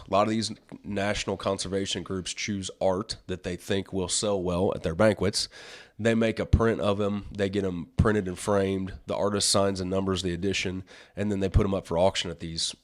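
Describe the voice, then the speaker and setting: A man in his forties with a hoarse, smoker's rasp from being sick, chatting casually as a podcast host. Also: low voice. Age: 40s. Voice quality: raspy smoker's-style voice. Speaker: podcast host and wildlife artist.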